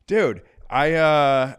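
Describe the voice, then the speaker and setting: A man's voice: a little high, clear, resonant tone. A man co-hosting a casual podcast, joking around and riffing with his co-host. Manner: joking, mock radio-announcer flourishes. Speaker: podcast co-host, stand-up comic.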